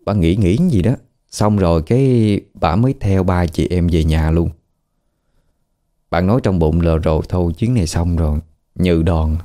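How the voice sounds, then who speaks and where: A man's voice: sits low, warm tone. A man with a Southern Vietnamese accent narrating a ghost story in a colloquial, conversational way.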